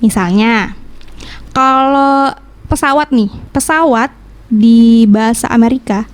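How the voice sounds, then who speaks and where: A woman's voice: fairly high pitch, slow pace. A woman from Indonesia giving a casual English lesson on the radio, switching between Indonesian and English and explaining patiently with examples. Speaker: English teacher.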